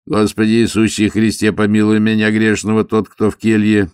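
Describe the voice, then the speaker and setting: A man's voice: fairly low pitch, completely flat delivery, moderate pace, a little mellow, smooth, no echo, clean studio sound, voice pushed up, natural voice. A man doing a pompous, preachy monk. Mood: instructive. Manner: instructive, declaiming, churchy. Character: sturdy male monk about forty, pompous and officious.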